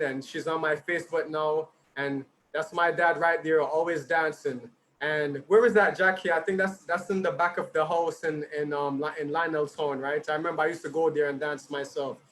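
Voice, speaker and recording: On the high side with a fairly bright tone, this man's voice comes through with a little hiss or hum. He hosts his father's birthday tribute, reading messages and chatting informally between them, stumbling slightly as his voice tires and gets somewhat hoarse.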